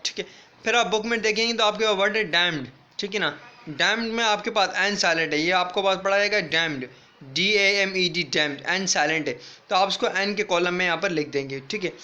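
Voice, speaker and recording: A man teaching a recorded English class in a high, very bright and sharp voice. He is patient and repetitive, spells words out letter by letter, and keeps asking whether his students are following. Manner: patient, repetitive, checks in with "theek hai" often. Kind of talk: recorded online class lecture.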